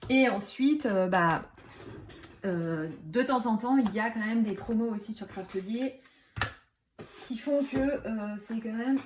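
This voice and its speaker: A woman in casual show-and-tell, chatty and rambling, with many fillers, self-corrections and quiet muttered asides. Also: mid-range voice, a little hiss or hum. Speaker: craft YouTuber.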